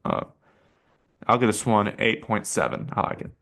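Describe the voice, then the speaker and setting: A man's voice: lowish voice, animated, normal speed, vocal fry, a bit bright. A man hosting his own channel, giving casual reaction commentary in a rambling, hesitant way with many fillers and restarts. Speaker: channel host rating paint schemes.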